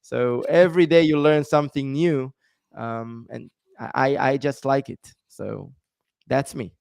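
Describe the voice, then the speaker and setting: A man's voice: medium pitch, unhurried, gravelly, darkish tone, clean tone, no room sound, studio quality. A man, a guest explaining at length in a live-stream interview with many ums. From Israel. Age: 30s. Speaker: guest, tech founder.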